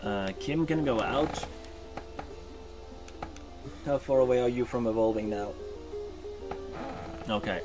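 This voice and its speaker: Over background music, a Norwegian man with a medium-pitched voice chats casually while streaming a game. He speaks slowly with long pauses, rambling through plenty of ums and uhs and correcting himself as he goes.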